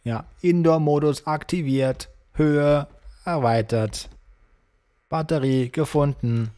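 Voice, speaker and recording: A man's voice: a little high, slow pace, warm tone. A man putting on a stiff robot voice while playing a game, announcing his status in clipped phrases and saying beep boop. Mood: mock-mechanical. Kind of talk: let's play commentary.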